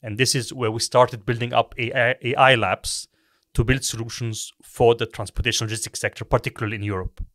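A middle-aged man from Egypt, a company co-founder, giving measured explanations as a podcast guest with frequent restarts. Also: mid-range voice, flat delivery, fairly bright tone, dry recording, studio quality. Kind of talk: podcast interview.

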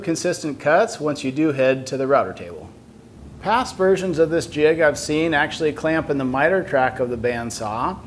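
Speaking at a fairly high pitch, a man in his forties leads a friendly, step-by-step woodworking lesson as an instructor in his indoor shop with lumber racks. There's a little hiss or hum in the recording.

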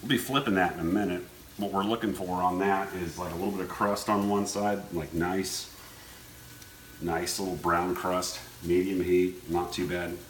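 A man's voice: low voice, fairly even intonation, normal speed. A man hosting a casual home cooking demonstration, talking in an easygoing, offhand way as he works. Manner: laid-back, easygoing, offhand. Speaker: home cooking show host. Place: indoor kitchen. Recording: echoey room with clear kitchen sizzle noise. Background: frying sizzle and stirring.

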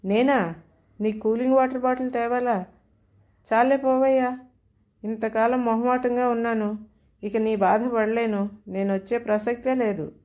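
A woman's voice: on the high side, normal speed, a little mellow, close to an everyday voice. A woman reading a storybook tale, voicing a harried middle-aged husband who is fed up and exasperated.

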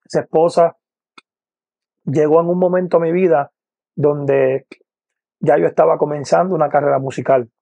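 Puerto Rican evangelist, 40s, earnest testimony, gravelly voice, dry close sound. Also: male voice, on the high side, steady tone, normal speed, pauses often, mellow, no echo, muffled recording. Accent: Puerto Rican Spanish. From Puerto Rico. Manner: earnest, repeats "poderoso el nombre de Jesús", many "eh" and "¿verdad?". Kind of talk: personal testimony to camera. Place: indoor room with lamp, seated. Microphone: lapel mic.

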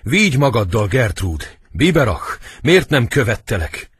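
A man's voice: animated, breathy edge, no room sound. A man voicing a cowardly, scheming young nobleman in a dramatic audiobook reading. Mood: terrified. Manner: shrill, pleading stage delivery.

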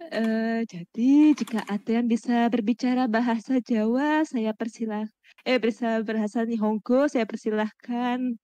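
A woman's voice: on the high side, fairly even intonation, a little slow, dark tone, no echo. A woman competing in a streamed talent show, bantering playfully and slipping into Japanese phrases. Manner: playful, switching into mock accents and Japanese phrases. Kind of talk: comedic live stream banter.

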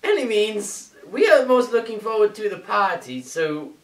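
A woman's voice: mid-range voice, big pitch swings, moderate pace. A woman playing a mock-grand, scornful comic servant with archaic, theatrical phrasing in an improvised Shakespeare parody. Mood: puzzled. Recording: roomy, distant mic with faint noise.

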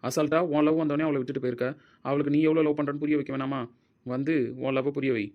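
A man's voice: a little high, little pitch movement, racing, dull audio, lightly acted. A man playing a pushy, insistent young friend who urges another to act, in an amateur audio drama. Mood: urgent. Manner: insistent, urging.

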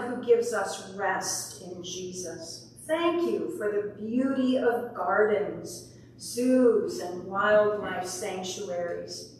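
A woman leading the congregation in a creed and prayers at a pulpit microphone in a church, in a measured, prayerful way. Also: medium pitch, far from the mic, slight background noise. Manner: measured, prayerful recitation with a repeated call of "Hear us, O God". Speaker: worship leader. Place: large church sanctuary. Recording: very echoey church, voice well off the mic.

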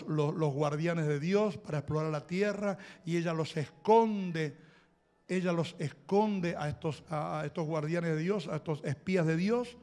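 Male Rioplatense preacher, high-pitched, emphatic sermon delivery with faint music behind. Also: darkish tone. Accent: Rioplatense Spanish. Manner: emphatic, exhorting, with audience call-and-response. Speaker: apostle and pastor.

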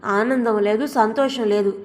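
A woman's voice: a little high, a little slow, darkish tone, close to an everyday voice. A woman voicing a harsh, resentful middle-aged wife who scolds sharply. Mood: angry. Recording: long hall reverb.

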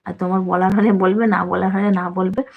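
Live-stream host, female, affectionate teasing chat with viewers, mid-pitched, slight fry. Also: little pitch movement, fast talker, narrow, tinny audio. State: slightly out of breath. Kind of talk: casual live chat reading viewer comments.

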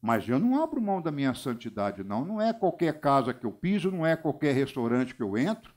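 Male preacher, from Brazil, animated storytelling sermon, lively swooping pitch. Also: fast. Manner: animated storytelling, acts out voices. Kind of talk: sermon with testimony.

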